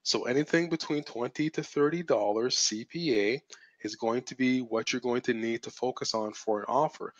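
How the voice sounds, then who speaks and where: Voice strained and cracking, a man mentors business owners in a live webinar, delivering blunt, assertive teaching and repeating key points. His voice is mid-range and a bit bright, with no echo.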